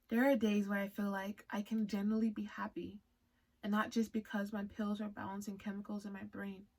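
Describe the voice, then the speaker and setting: Reading her own story aloud and chatting with viewers, a Liberian woman whose first language isn't English speaks with a Liberian accent, frequent giggles, and playful slang. Her medium-pitched voice has vocal fry and a darkish tone.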